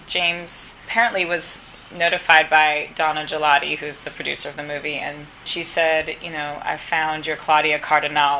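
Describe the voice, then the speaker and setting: Low, bright-toned chatty actress. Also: female voice, a little hiss or hum, poor audio. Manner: chatty, acts out quoted dialogue. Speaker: actress interviewed at a press round table. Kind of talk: casual interview answers. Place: press round table.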